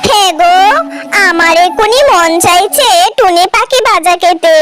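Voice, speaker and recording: A woman's voice: extremely high pitch, a little slow, music in the background. A woman voicing a cruel, scheming pigeon stepmother in a cartoon, with sneering, mocking speech. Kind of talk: dubbed cartoon acting.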